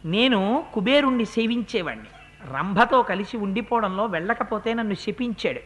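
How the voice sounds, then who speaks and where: A man voicing a cursed male celestial trapped in a demon's body, who speaks low and subdued as he pleads. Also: expressive, normal speed, fairly bright tone. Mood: pleading.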